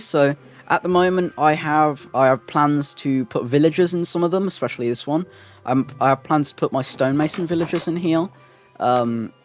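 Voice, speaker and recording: A man narrating a game build as a voice-over, rambling with lots of ums and restarts. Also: medium pitch. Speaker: Minecraft builder and channel host. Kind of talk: gameplay voice-over commentary.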